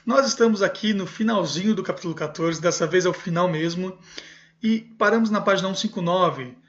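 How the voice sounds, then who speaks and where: A man's voice: sits high, fast, fairly bright tone, muffled recording. A man giving a video lesson, reading a book passage by passage and explaining it, often adding "certo?" and correcting himself aloud. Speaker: music teacher.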